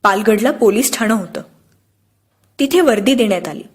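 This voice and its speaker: A woman narrating an audiobook in a steady, expressive storytelling manner. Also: mid-range voice, normal speed, slightly rough.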